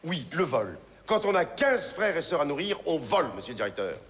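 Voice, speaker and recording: A teasing, mischievous old vagabond father, proud of his petty thefts. His voice sits fairly high and swoops with lively inflection. It is heard in a reverberant theater hall with faint ambience behind it. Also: brisk. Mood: cheeky. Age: older. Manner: teasing, playful, theatrical stage delivery. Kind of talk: stage play acting. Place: theater stage.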